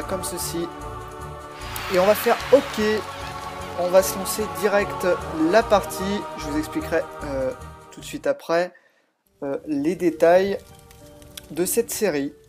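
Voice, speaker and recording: A man with a slightly altered voice, chatting and explaining as he plays a video game, recorded on a laptop's built-in microphone. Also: high-pitched. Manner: chatty, explains while playing, frequent hesitations. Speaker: let's play host. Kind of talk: casual gameplay commentary.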